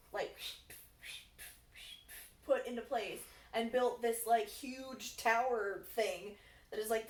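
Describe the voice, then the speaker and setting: Rambling stoned young woman in an echoey room. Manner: rambling, relaxed, tipsy-high stoner talk with frequent swearing. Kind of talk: casual chat, Q&A. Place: indoors, on a couch. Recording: echoey room, distant mic, faint noise.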